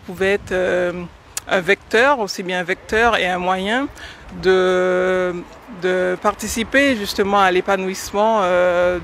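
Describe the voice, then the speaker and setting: A woman from French Guiana in her forties, answering radio interview questions about teaching with hesitant pauses and many fillers. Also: mid-range voice, a little hiss or hum. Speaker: guest, educator.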